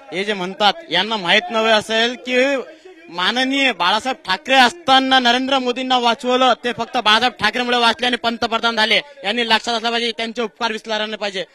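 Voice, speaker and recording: A man's voice: high-pitched, fairly even intonation, brisk, sharp tone. A man with a Marathi accent making a reproachful point at a public debate. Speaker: party supporter in a debate. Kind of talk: political argument at a public debate.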